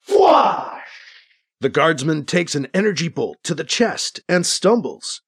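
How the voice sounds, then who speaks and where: Expressive male audiobook narrator. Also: on the high side, normal speed, breathy edge, no room sound, studio quality.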